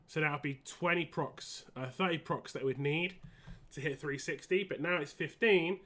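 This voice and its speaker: A man chats casually on a gaming live stream, rambling and stopping to restart. His voice is a little high and forceful in tone, with the wheezy, short-winded sound of someone fighting a cold. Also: normal speed.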